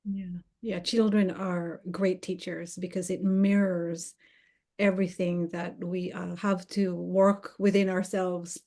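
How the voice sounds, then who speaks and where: A woman's voice: fairly low pitch, flat delivery, slow pace, warm tone. Affirming woman host closing an interview. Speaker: podcast host. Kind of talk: podcast interview.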